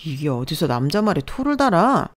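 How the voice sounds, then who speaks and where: A woman's voice: low voice, very animated, fairly quick. A woman voicing a curt, bossy husband. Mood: domineering. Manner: curt, domineering. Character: bossy, dismissive husband, adult man.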